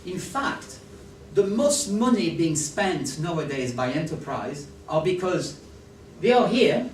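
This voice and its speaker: Speaking slowly with a voice on the high side, a French-accented man presents an animated talk in a large conference hall, often checking that the audience follows and agrees. The audio is distant and roomy, with slight background noise.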